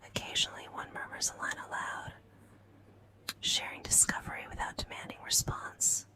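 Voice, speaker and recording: A woman narrating a scripted story as ASMR in a breathy whisper, with measured phrasing and pauses.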